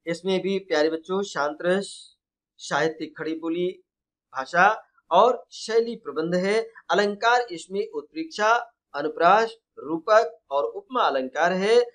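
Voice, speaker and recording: A man's voice: high voice, a little slow, a bit bright. A man teaching an exam-prep poetry lesson, fondly addressing his students, quizzing them and reciting verse aloud.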